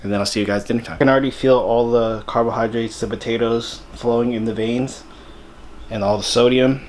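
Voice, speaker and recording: A man's voice: mid-range voice, fairly even intonation, a little fast, a little hiss or hum. A young man, narrating his fitness vlog in a laid-back, slangy way. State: out of breath while hiking. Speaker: fitness vlogger. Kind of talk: casual vlog voice-over.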